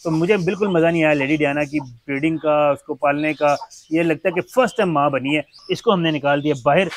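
A man's voice: fairly high pitch, quick pace. Chatty man talking to his animals. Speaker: vlogger showing his mini zoo. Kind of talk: casual vlog chat.

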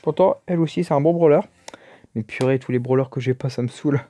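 A man's voice: mid-range voice, fast talker, warm tone. A man giving casual, chatty commentary over his own gameplay, exclaiming and muttering to himself as he plays. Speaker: gaming YouTuber.

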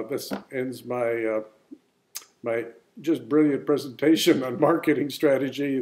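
A man's voice: medium pitch, a little mellow. A man in a mid-range voice walks through business basics in a plain, folksy way, as if talking across a desk. He now and then pokes fun at himself and keeps it simple and unpolished. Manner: folksy, plain-spoken, self-deprecating. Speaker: business presenter. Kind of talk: informal marketing talk.

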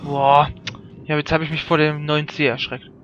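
A man's voice: fairly high pitch, little pitch movement, moderate pace, lo-fi sound. A man giving jokey, self-mocking running commentary while playing a game, yelping when startled. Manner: yelps and shouts when startled. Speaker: let's play gamer. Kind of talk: let's play commentary.

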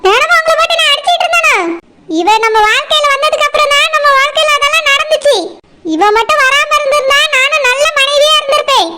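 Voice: fast talker, bright, forceful tone. A voice actor playing a jealous, bitter first wife in a cartoon, middle-aged village woman with a Tirunelveli Tamil accent. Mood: scolding. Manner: shrill, scolding and bitter.

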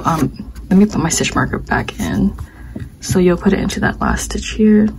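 A young woman walks viewers through a crochet pattern, calmly counting stitches as she works. Her voice sits low with a gravelly fry and a touch of hoarseness. A faint hiss runs under the recording. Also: rough recording. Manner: calm, talks while working, counts stitches aloud. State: slightly hoarse. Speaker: crochet instructor. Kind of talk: step-by-step craft tutorial.

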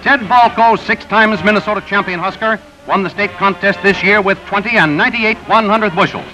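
A man reading scripted newsreel narration in a brisk announcer delivery, heard through an old 1930s newsreel soundtrack. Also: high-pitched, bright, forceful tone. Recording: dull lo-fi 1930s newsreel with music. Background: music bed.

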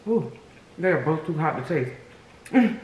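A woman's voice: deep voice, lively intonation, normal speed, darkish tone. A woman chatting casually to viewers as a mukbang host, talking between bites and humming as she tastes. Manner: eating while talking, with savouring mm sounds. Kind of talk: casual food-tasting chat to viewers. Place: indoor room at home, seated at a table. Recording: roomy echo with background noise.

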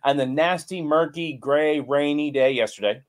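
A man's voice: a little high, normal speed. A man co-hosting a show, chatting casually and telling easygoing stories. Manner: relaxed, chatty storyteller. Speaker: co-host. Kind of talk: casual chat.

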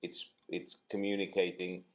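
A low-voiced man talks casually as an interview guest. He tells tour stories with humor and often restarts his phrases with repeated words. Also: completely flat delivery, moderate pace. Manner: storytelling, jokey, repeats words as he searches for them. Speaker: band leader, interview guest.

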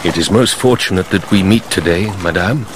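A low-pitched, coolly menacing Count played by a male actor in a radio drama. He is formal and measured, a once-betrayed man bent on revenge, with sardonic politeness and faint noise behind him. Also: natural voice. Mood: subdued, courteous.

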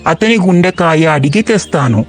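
A woman's voice: fairly low pitch, animated, moderate pace, soft background music, voice pushed down, natural voice. A woman voicing a scheming male crocodile in a cartoon storybook, talking in a pleading, coaxing way. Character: scheming male crocodile, friendly then treacherous.

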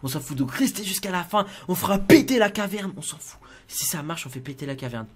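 A young man giving live gameplay commentary in a roleplay, playing a father. He keeps talking to his viewers and swings from hushed whispers to loud, excited shouting. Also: high voice, a little fast. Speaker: gaming YouTuber playing a father in Minecraft roleplay.

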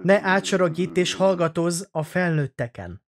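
Man playing a gruff scolding father. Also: high-pitched, a crowd in the background, pitched above the performer's own voice, natural voice.

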